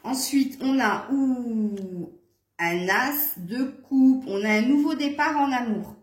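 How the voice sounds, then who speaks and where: A woman's voice: fairly high pitch, takes it slowly. Chatty woman reading tarot. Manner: chatty, hesitant with many fillers, occasional laughs. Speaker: tarot reader. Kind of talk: casual tarot reading to viewers. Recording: echoey room.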